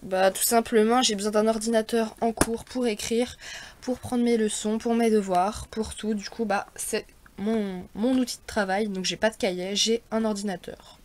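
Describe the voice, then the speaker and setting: A woman's voice: medium pitch, fairly even intonation, normal speed, a little mellow, a little hiss or hum. A teenage girl in a casual vlog, showing her school bag and talking in a chatty, hesitant way with many fillers. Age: teens. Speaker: vlogger.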